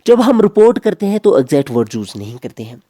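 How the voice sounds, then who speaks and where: Male teacher, animated grammar lecture, close dry sound, repeats points to drive them home. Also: high-pitched, fast, no room sound. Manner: explains step by step, repeating key phrases.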